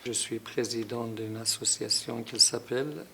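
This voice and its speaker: A man's voice: medium pitch, steady tone, measured pace, creaky, sharp tone, slight background noise. A middle-aged Iranian man, a native Persian speaker with a Persian accent, answering interview questions, hesitant with many fillers and growing emphatic. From Iran. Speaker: interviewee, association president.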